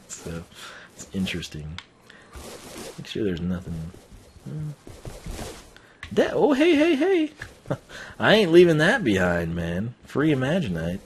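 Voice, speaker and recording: A man's voice: medium pitch, wildly swooping pitch, slow pace, long pauses, slight background noise. A man giving casual, rambling live game commentary as a streamer, thinking aloud in slangy speech.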